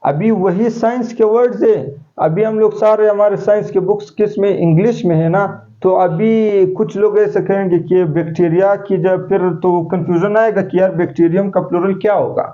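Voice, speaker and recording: A man teaching a class, speaking in a somewhat high voice that he keeps throwing out as questions for his students. The lo-fi recording sounds dull and muffled. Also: fairly even intonation, normal speed, few pauses. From Pakistan. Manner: explains step by step, asking the class questions. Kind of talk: classroom lecture.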